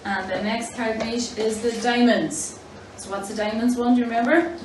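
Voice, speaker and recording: A woman's voice: fairly high pitch, normal speed. A woman demonstrating an exercise game for children, giving simple, encouraging instructions. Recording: roomy, distant mic with clear background noise.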